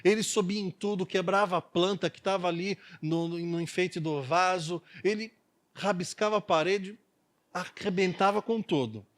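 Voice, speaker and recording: A man's voice: high voice, moderate pace. A man with a Brazilian Portuguese accent, a pastor telling a story in a sermon at church. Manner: animated storyteller.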